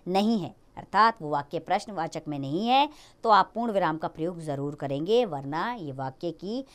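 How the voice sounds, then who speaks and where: A young adult woman teaching a grammar lesson to children, slowing down to read out the example sentences. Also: lowish voice, animated.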